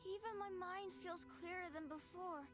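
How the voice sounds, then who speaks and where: A woman's voice: very high voice, steady tone, moderate pace. An actress playing a young female disciple who speaks hesitantly and pleadingly. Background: game music.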